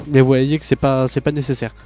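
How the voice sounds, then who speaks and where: A man's voice: mid-range voice, little pitch movement, normal speed, warm tone, soft background music. A tired man narrating a game tutorial in a casual, rambling way, full of hesitations and asides. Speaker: Minecraft tutorial youtuber.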